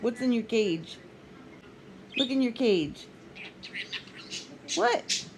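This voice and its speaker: Woman cooing slowly to a pet, noisy recording. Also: a little high, lively intonation. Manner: cooing, short repeated phrases with pauses. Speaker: pet owner talking to a budgie. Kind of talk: affectionate pet talk. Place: at home. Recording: noisy home recording with bird chirps. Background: budgie chirps and clicks.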